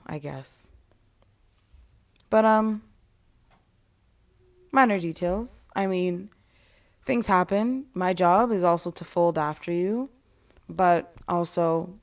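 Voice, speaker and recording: A woman giving a casual, candid monologue in a blunt way, with casual swearing and sarcastic, exasperated asides. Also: fairly low pitch. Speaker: retail worker giving advice to customers.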